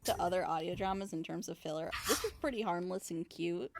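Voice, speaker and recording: Hosting a panel that commentates on audio dramas, a woman leads a casual group critique, sharing her opinions and explaining them at length. Her voice is lowish and a bit quick, recorded on a home mic with clear background noise, including crowd sounds.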